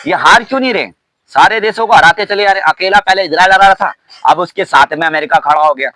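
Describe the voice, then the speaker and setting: A man pastor preaching a sermon, shouting hallelujah often and asking the congregation questions. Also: sits high, quick pace, dry recording, low-quality recording. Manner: preaching with frequent hallelujahs and call-and-response questions.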